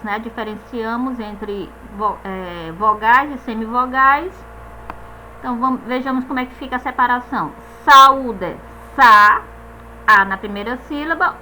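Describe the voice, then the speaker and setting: Woman, high voice, grammar teacher, slow stressed example words. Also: bright, forceful tone, slight background noise, low-quality recording. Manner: stresses each example word slowly, spells out letters, tags "né?". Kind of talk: grammar lesson explanation.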